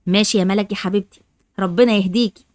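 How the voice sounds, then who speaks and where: A woman's voice: mid-range voice, steady tone, no echo, lightly acted. A woman with an Egyptian accent voicing a caring but scolding old grandmother in a Roblox family drama, lecturing the children. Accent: Egyptian Arabic. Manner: fast, lecturing.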